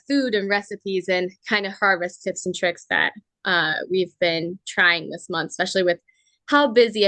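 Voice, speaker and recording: A young woman co-hosting a relaxed podcast conversation, chatty and prone to tangents. Her voice is bright and forward in the mix. The recording is dry and close, with no room echo. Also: mid-range voice. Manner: chatty, reads from articles, trails into asides. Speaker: podcast co-host. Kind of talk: casual chat.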